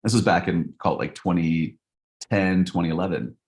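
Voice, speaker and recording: A man's voice: low-pitched, moderate pace, a little mellow. A man co-hosting a podcast in casual chat, reflective and loose, full of "like" and "you know". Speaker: podcast co-host.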